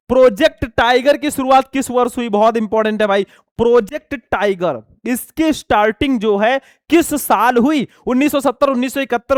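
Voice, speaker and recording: A young man teaching an exam lesson loudly, almost shouting as he goes through multiple-choice questions and calls the students kids and brothers. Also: extremely high pitch, no room sound, studio quality. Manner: loud, near-shouting delivery; addresses students as bachelon and bhaiya.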